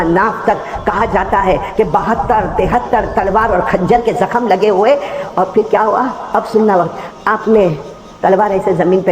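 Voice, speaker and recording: A male preacher giving an emotional sermon, quizzing his listeners and rising to shouts. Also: high-pitched. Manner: call-and-response with the crowd, rising to shouts.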